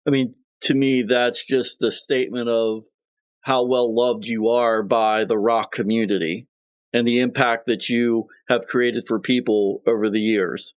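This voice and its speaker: A man's voice: mid-range voice, flat delivery, measured pace. A male podcast host interviewing a guest, speaking earnestly and respectfully. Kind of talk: casual interview chat. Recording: dull lo-fi line.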